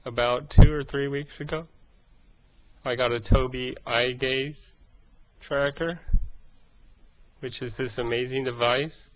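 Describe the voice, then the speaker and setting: Breathless man, slow and flat, in halting phrases. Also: medium pitch. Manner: halting, speaking in short broken phrases. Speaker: vlogger. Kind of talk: casual personal video diary update. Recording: dull, lo-fi sound.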